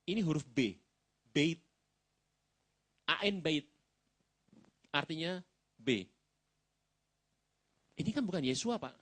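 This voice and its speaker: A man's voice: on the high side, animated, takes it slowly, pauses often, fairly bright tone, dry recording. A male pastor giving a sermon in a church, telling stories casually and acting out the quoted lines. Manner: casual storytelling, acts out quotes and jokes with the congregation.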